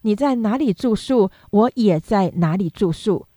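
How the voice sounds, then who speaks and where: A woman's voice: medium pitch, animated, measured pace, warm tone, dry recording, clean studio sound. A woman reading as an earnest, devoted young widow.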